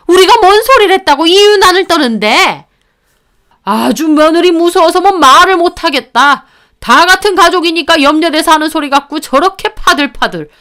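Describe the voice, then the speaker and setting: A woman's voice: high-pitched, fairly bright tone. A woman voicing a stern, contemptuous older father-in-law who scolds his daughter-in-law in a narrated story.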